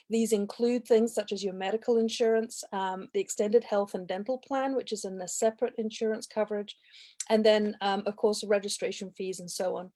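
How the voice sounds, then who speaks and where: A woman walks prospective students through campus services and costs in a steady, informative manner, with frequent ums and small restarts. Her voice sits at an ordinary middle pitch. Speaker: college recruitment presenter. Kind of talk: webinar presentation.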